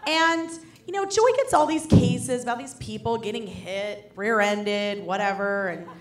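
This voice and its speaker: A woman's voice: mid-range voice, measured pace, soft background music. A young woman doing a chatty, wry stand-up comedy set on a club stage. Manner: chatty, wry, self-deprecating storytelling. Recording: echoey club room.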